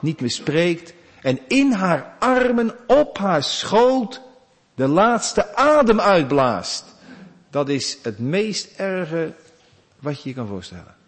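Male preacher, lively high-ish voice, dramatic sermon storytelling, long church reverb. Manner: dramatic storytelling, swings from hushed to loud.

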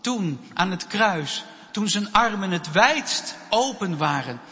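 A man giving a children's sermon and telling a story slowly, with pauses. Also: high-pitched, lively intonation, bright, forceful tone. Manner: slow, storytelling delivery with pauses. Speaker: preacher. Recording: long hall reverb.

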